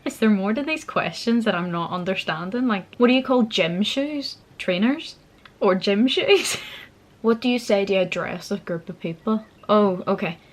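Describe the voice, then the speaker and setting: A woman's voice: mid-range voice, expressive, normal speed. A young woman with a Northern Irish Belfast accent, chatting informally and a little giggly as she explains local words. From Northern Ireland. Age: young adult. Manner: giggly, informal, self-deprecating. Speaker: vlogger. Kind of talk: casual chat explaining local slang.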